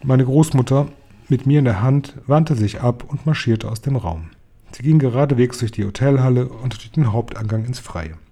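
A man reading a children's novel aloud as narrator, calm and even. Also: mid-range voice, normal speed. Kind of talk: audiobook reading.

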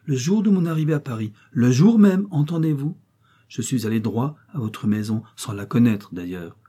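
A man's voice: medium pitch, lively intonation, moderate pace, dark tone, husky, pitched above the performer's own voice. A man voicing a proud young widow, cool and cutting. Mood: coldly proud.

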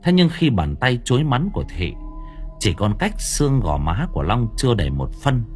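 A man narrating an audiobook in a lively, humorous storytelling manner. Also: medium pitch, moderate pace. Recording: faint music behind.

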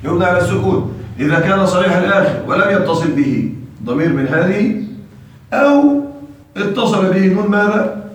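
A man with a high voice teaches a grammar lesson in a classroom, often asking his students whether they follow. The room is very echoey. He is recorded from a distance. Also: lively intonation, a little fast, slight background noise. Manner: asks the class frequent check questions. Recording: echoey room, mic far off.

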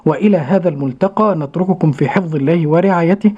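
A man hosting a radio lesson in a formal, courteous way, with a fairly high but mellow voice. He repeats phrases after his guest and closes the show politely. The sound is dull and lo-fi, like an old broadcast. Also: fast talker. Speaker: radio program host.

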